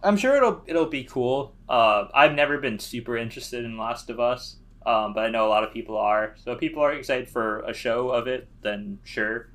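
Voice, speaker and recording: A man with a mid-pitched voice chats on a podcast in a laid-back way. He fills gaps with "like" and "um" and swears casually as he reacts. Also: normal speed, few pauses, fairly bright tone. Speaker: podcast co-host. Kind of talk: casual chat.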